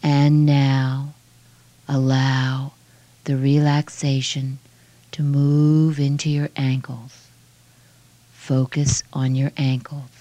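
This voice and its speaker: Very low, slow, soft hushed woman. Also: level tone, no room sound, highs cut off. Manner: soft, hushed and soothing, breathy at phrase ends; slow, measured phrases with long pauses. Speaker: relaxation guide. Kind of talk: guided relaxation meditation.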